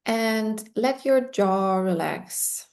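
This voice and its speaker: A woman guiding a relaxation meditation in a slow, soothing way, with long pauses between phrases. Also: mid-range voice, expressive, darkish tone. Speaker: meditation guide. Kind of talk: guided meditation.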